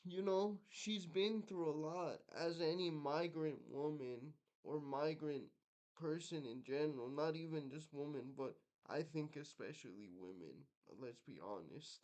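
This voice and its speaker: A young man from Guatemala speaks to his viewers in an unhurried, reflective personal monologue. His voice is smooth and clear and sits a little high, and he fills his pauses with um and like. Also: a little mellow. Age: young adult. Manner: reflective, lots of fillers like um and like. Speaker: vlogger.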